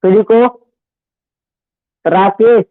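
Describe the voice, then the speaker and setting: A man's voice: sits high, steady tone, extremely slow, no echo. A man teaching Hindi grammar, dictating words one by one and repeating each, often checking with his students. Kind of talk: dictation lesson. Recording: tinny phone-like, dry sound.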